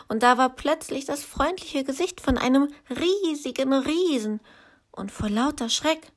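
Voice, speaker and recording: A woman, likely a teacher, reading a children's story aloud in a slow, calm storytelling way. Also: fairly high pitch.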